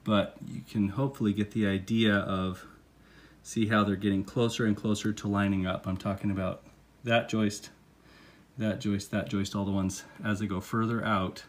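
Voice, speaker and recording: At a moderate pace, a low-voiced DIY teacher explains the job casually and step by step, relaxed and full of fillers. He records on a phone camera, frequently handheld while working, starting in a car before moving into a house under renovation.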